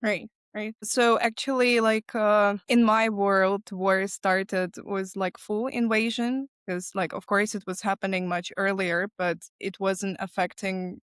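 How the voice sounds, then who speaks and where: A woman's voice: mid-range voice, little pitch movement, measured pace, hardly any pauses, a bit bright, clean tone, dry recording, studio quality. A young woman from Ukraine with a Ukrainian accent, a podcast guest telling her story candidly and sometimes searching for words. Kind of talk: casual interview chat.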